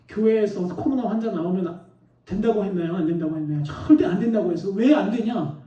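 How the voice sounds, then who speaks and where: A man preaching a sermon as a pastor, telling an animated personal story and laughing as he goes. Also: sits high. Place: church sanctuary. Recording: roomy, distant, dull church recording.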